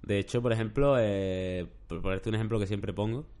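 A man's voice: lowish voice, normal speed. A middle-aged man, chatting casually as a podcast host and telling rambling stories. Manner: rambling, storytelling with shouted impressions. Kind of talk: casual chat.

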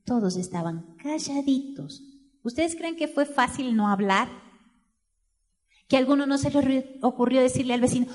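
A woman preaches a sermon in church, telling a story and putting questions to the congregation as she shifts between hushed and loud passages. Her voice sits high and sounds expressive, at a normal speed.

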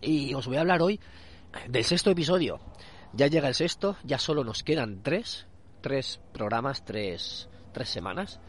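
A man from Spain with a hoarse voice from a cold, hosting a casual solo commentary podcast and often restarting his words. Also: mid-range voice, animated. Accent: Spain Spanish. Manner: halting, repeats and restarts words. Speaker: podcast host.

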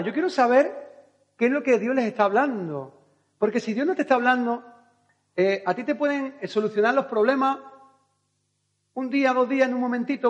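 Pastor guy from spain, spanish accent, really high voice, fired-up sermon with lots of questions. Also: muffled recording. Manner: fervent preaching with rhetorical questions. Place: church service.

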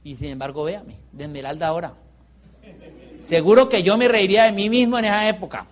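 Speaking fairly quickly in a high voice, a Colombian-accented man leads a live motivational seminar on business. His tone is playful, and he keeps peppering the crowd with rhetorical questions.

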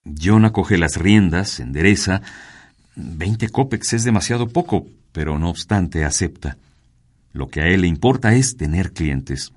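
A man narrates a story in a measured, unhurried way. His voice is very deep and steady throughout. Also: husky. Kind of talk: scripted narration.

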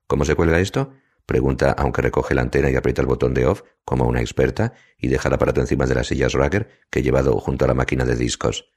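Very deep-voiced Spanish male narrator. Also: level tone, fast talker, hardly any pauses, a little mellow, husky. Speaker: audiobook narrator. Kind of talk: scripted narration.

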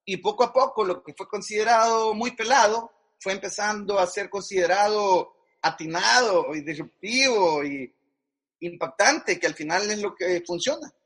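A man's voice: high voice, moderate pace, a bit bright, husky. A middle-aged man, a guest in a casual interview, talking frankly in slang and often restarting his phrases. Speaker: guest advertising executive.

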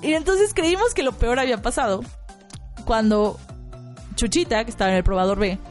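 A woman hosting a podcast, telling a work anecdote and acting out voices with high squeals. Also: normal speed, faint music behind. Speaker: podcast host. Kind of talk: storytelling anecdote.

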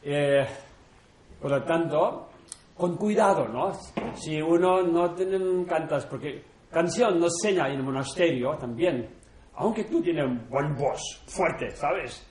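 An unhurried monk speaks to a small group in halting, non-native Spanish, dotting his talk with fillers and little tag questions. His voice sits a touch high for a man and comes very slowly. The room around him rings with a roomy echo. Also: a little mellow, a little hiss or hum. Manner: unhurried, chatty, often chuckling. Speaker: monk leading an informal group session.

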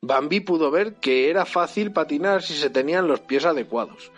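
A man's voice: fairly high pitch, normal speed, soft background music. Man reading a storybook aloud. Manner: animated, expressive bedtime-story reading. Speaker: father reading to his child.

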